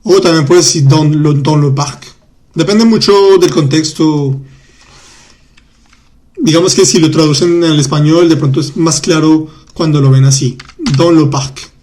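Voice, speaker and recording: A man teaching grammar in a live online class, chatty and patient, reading out student comments and repeating words slowly. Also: a little high, darkish tone. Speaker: French teacher.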